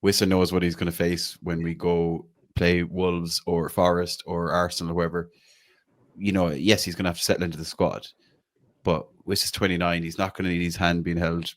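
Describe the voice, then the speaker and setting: Deep-voiced Irish man chatting football. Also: level tone, normal speed. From Ireland. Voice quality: swears casually, chatty with many fillers. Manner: chatty, says "like" a lot. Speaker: podcast host. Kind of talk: casual football chat.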